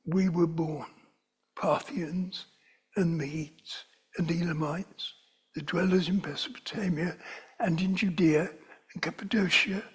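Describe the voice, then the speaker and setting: The audio is poor in this clip of an older London man delivering a sermon, loose and digressive but rising to emphatic stresses. His voice sits high and comes out very breathy, often close to a whisper.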